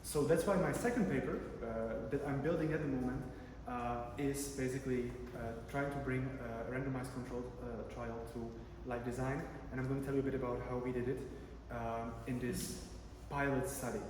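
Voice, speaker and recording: A man from the Czech Republic, presenting PhD research at an academic conference, speaks at normal speed with medium pitch, fairly even intonation, and few pauses. His style is conversational, peppered with fillers and restarts. Recorded far away in a big conference room, the audio is echoey and noisy.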